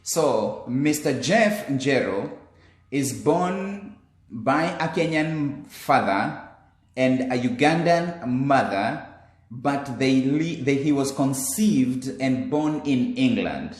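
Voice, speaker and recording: A man's voice: medium pitch, lively intonation, slow pace, roomy sound. A male interview host who enthusiastically repeats his guest's answers back to him.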